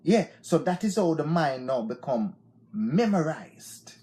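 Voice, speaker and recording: A man in his forties hosts an unscripted live stream, speaking with a Jamaican accent in a slightly high, sing-song voice with a warm tone and measured pace. His motivational talk is loose and repetitive, and he often says "yeah, man".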